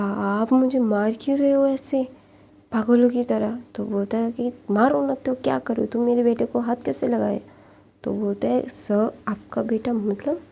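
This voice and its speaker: A woman casually retells a fan fiction story in a gravelly voice. She talks slowly in a flat, even tone, pausing often with fillers and restarts. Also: mid-range voice. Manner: retells in a loose, halting way with many fillers and restarts.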